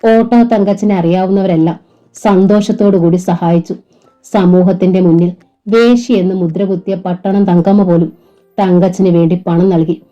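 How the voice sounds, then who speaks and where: A woman reads a novel aloud with steady, emotive storytelling. Her voice is mellow and dark, the recording sounds dull and muffled, and soft music runs quietly underneath. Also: lowish voice, normal speed. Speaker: narrator. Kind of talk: novel reading.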